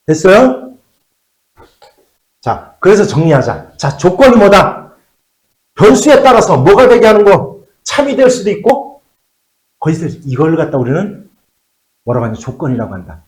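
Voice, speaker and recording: Male math teacher, fairly high voice with swooping pitch, drills students with questions, drags out key phrases. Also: darkish tone, roomy sound. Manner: asks students questions and answers them himself; drawls key phrases slowly for emphasis. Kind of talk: classroom math lecture.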